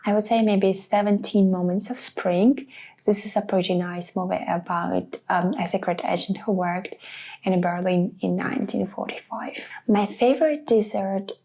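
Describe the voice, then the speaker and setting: A woman's voice: medium pitch, vocal fry, darkish tone. A woman in her twenties from Russia, talking casually to the camera about herself in a vlog. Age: 20s. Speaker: vlogger.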